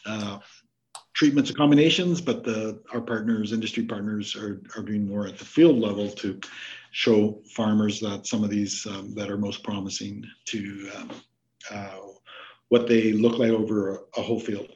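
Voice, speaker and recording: A man from Canada, a researcher guest on a podcast interview, who explains his work in a halting way with many fillers and restarts. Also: fairly low pitch, fairly even intonation, a little mellow, muffled recording. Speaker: plant disease researcher, guest.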